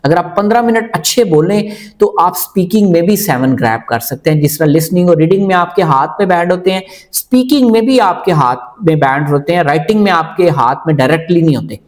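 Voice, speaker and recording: A man teaching as an IELTS coach, explaining calmly and mixing English phrases into his Hindi-Urdu, slowing down to model sentences word by word. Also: on the high side. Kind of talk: instructional video lecture.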